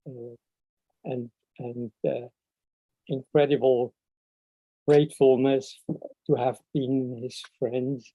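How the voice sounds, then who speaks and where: Seated indoors, an older native Swiss German speaker from Switzerland pays informal tribute on a video call for a memorial seminar, his Swiss German accent clear. He frequently stops for long stretches, searching for the right words. His voice is medium-pitched and dark, and the call's audio is muffled and free of echo.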